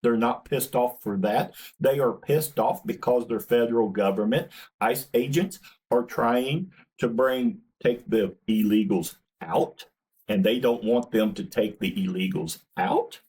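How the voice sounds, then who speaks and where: Slow, husky, indignant man ranting. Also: medium pitch, darkish tone, rough recording. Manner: blunt, indignant, swears. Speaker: channel host. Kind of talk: political opinion rant.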